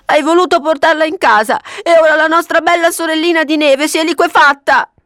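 A woman's voice: sits high, a little fast, fairly bright tone, dry recording, clean studio sound, voice pushed up. A woman voicing two young children who plead tearfully with their father in a read-aloud story. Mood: sobbing.

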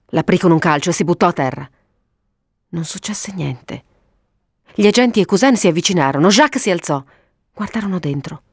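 Woman, lower voice, detective story narration, animated reading, dry close sound. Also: a little fast, pauses often, breathy edge, no echo.

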